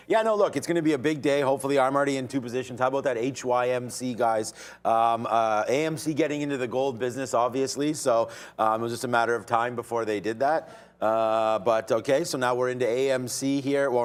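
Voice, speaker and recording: A man hosting a day-trading livestream, giving casual, informal commentary as he thinks aloud. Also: mid-range voice. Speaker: day trader and livestream host.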